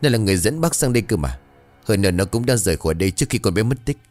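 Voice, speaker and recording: Man voicing a calm older villager, soothing, low voice, ghost-story reading. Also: rapid-fire, soft background music, lightly acted. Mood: placating.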